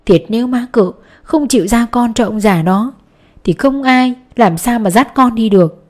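A woman's voice: on the high side, moderate pace, a little mellow, lightly acted. A woman reading the lines of a poor grieving mother who pleads sorrowfully in an audiobook story.

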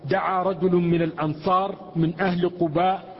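A man reading a religious text aloud in a lesson, slowing for quotations. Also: high voice, level tone. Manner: slow measured recitation of quotations. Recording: muffled lesson recording in a reverberant hall.

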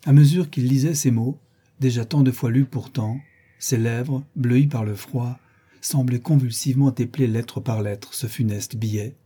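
A man narrates a classic novel in a measured, even storytelling voice. His tone is very dark and mellow, with a husky edge. His pitch sits in the middle. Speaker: audiobook narrator. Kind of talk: literary audiobook narration.

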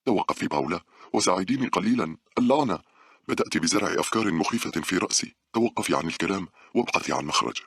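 A man's voice: low-pitched, expressive, fast, a little hiss or hum, voice pushed up. A man doing a snappy, scared young woman. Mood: irritated. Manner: snappy, sharp, exasperated.

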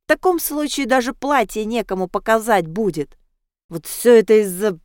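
A sulky, sharp-tongued schoolgirl who grumbles at everyone, as a woman reader puts her on. The voice sits raised and lively in a dry, close storybook reading. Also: on the high side, moderate pace, no echo, pitched above the performer's own voice, natural voice. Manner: grumbling, sullen. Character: sulky sharp-tongued teenage girl in butterfly costume.

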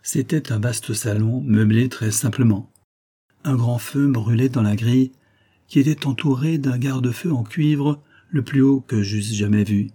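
A man reading a literary story aloud in a measured, even narrating voice. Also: mid-range voice, breathy edge. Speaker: audiobook reader.

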